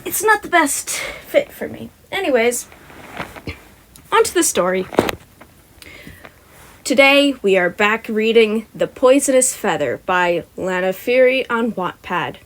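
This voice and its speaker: There's slight background noise as a young woman, a podfic reader who runs her own channel, gives a chatty intro and then narrates a story in a loose, amateur way. Her fairly high, fairly bright voice has a sing-song quality, and she moves at a measured pace with long pauses, now and then stumbling and correcting herself.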